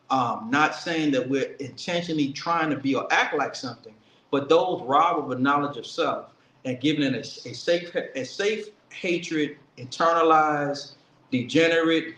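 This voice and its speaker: A man giving an earnest political speech, emphatic and slowing down to stress key words. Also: on the high side, a bit bright. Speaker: speaker at a commemoration event. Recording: echoey room with faint ambience.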